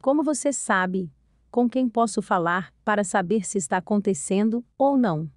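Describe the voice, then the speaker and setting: A woman's voice: medium pitch, expressive, normal speed, no room sound, studio quality, natural voice. A woman voicing an unhappy, anxious teenage girl who talks sullenly to her mother. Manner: sullen, pleading.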